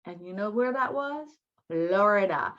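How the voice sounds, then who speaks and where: A woman's voice: medium pitch, lively intonation, measured pace, fairly bright tone. A woman with a Southern American accent leads an online training in a friendly, folksy way, talking to her listeners as y'all. Her voice sits in a middle range, and the web audio sounds a bit dull. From born in New York City, raised in Miami. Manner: chatty, folksy, addresses audience as y'all. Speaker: diversity and inclusion trainer. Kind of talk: live online training presentation.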